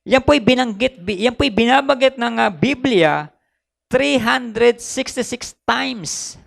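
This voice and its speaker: Gravelly high-voiced Filipino preacher. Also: male voice, expressive, slow, a bit bright. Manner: mixes Tagalog with English, repeats phrases for emphasis. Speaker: pastor. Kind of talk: sermon.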